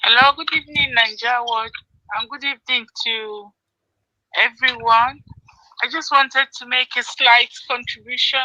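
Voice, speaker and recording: A woman calling in to a talk program over the phone, speaking in a measured, hesitant way with frequent fillers. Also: on the high side, steady tone, bright, forceful tone, no room sound. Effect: heard over a phone line. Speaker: phone-in caller. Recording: dull, lo-fi phone line.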